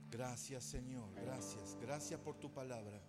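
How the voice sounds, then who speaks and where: A man with a Rioplatense accent preaching a sermon to his congregation, emphatic, with sudden rises and soft drops. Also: mid-range voice, unhurried, over loud music. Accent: Rioplatense Spanish. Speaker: pastor. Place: church before a congregation.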